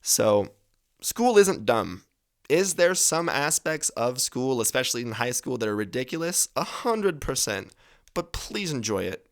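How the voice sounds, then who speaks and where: A man in his twenties hosts a podcast, his medium-pitched voice sing-song and unhurried. He gives advice in a casual, rambling monologue, swearing freely and correcting himself as he goes.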